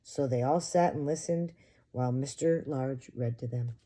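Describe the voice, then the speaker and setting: A preschool teacher with a warm, rumbling low voice reads a picture book aloud expressively at a moderate pace. She talks directly to the young children, asking them simple questions.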